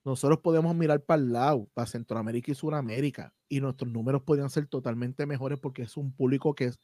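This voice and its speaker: A man's voice: medium pitch, fairly even intonation, fast, mellow, no echo, clean studio sound. A man from Puerto Rico with a Puerto Rican accent, hosting a podcast and talking passionately with frequent swearing. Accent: Puerto Rican Spanish. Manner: passionate, emphatic, swears freely. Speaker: podcast host. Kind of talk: casual podcast conversation.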